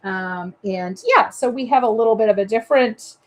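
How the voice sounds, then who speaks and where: A woman from Maine, USA, with a Maine accent hosts a live papercraft show, chatting to viewers while she demonstrates her crafting. Her voice sits on the high side at a moderate pace.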